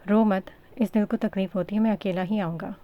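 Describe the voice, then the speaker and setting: A woman's voice: mid-range voice, fairly even intonation, brisk, phone-quality sound, close to an everyday voice. A woman voicing a young male police officer, the lovesick hero of a romance audiobook, urgent and tender.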